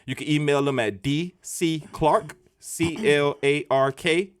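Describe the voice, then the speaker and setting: A man's voice: fairly high pitch, slow pace, clear, resonant tone, dry recording, clean studio sound. A man with a South Florida accent co-hosting a podcast, joking and teasing in casual chat. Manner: joking, animated, teasing, laughs often. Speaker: podcast co-host.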